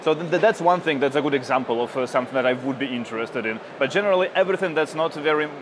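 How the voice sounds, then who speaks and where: Here a man from Ukraine, a tech journalist in his thirties, fires off conference interview answers rapidly in a medium-pitched voice. He hesitates, filling and restarting often, and the background is noisy.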